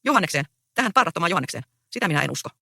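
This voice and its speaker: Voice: mid-range voice, big pitch swings, vocal fry, bright, forceful tone, no echo, clean studio sound, heavily acted. A reader voicing a sly, mocking peasant man in a stage play read aloud. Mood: taunting. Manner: mocking, taunting. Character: taunting grown peasant man, sly troublemaker.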